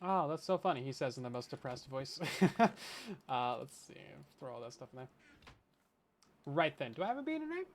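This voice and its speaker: A man's voice: medium pitch, wildly swooping pitch, a little fast. A man chatting casually with his live chat while he plays a game, playful and laughing often. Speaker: game streamer. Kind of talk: casual live-stream gameplay commentary.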